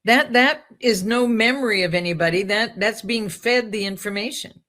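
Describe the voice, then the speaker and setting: A woman's voice: mid-range voice, moderate pace, fairly bright tone. A woman guest in casual talk-show conversation, telling rambling stories with jokes and asides.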